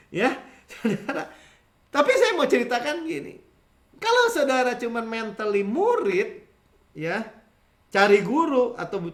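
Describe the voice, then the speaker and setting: A man in his fifties from Indonesia, a pastor giving a lively conversational sermon, telling stories and acting out the people he quotes. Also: high-pitched, roomy sound. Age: 50s. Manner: animated storytelling, acting out quoted voices, frequent chuckles. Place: church sanctuary.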